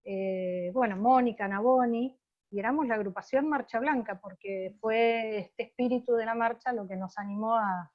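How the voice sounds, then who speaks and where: A woman's voice: on the high side, normal speed, highs cut off. A woman, a union member, eagerly adding a recollection in an online meeting with a chatty, wry manner.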